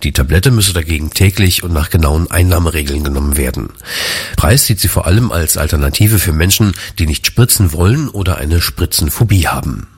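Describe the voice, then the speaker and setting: A man reading the radio news in a formal, measured style. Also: sits low, lively intonation, darkish tone, slight background noise. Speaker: newsreader.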